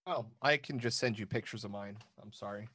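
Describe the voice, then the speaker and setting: A man's voice: on the low side, brisk, sharp tone, husky, dry recording. A man playing a tabletop game in a laid-back way. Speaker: player.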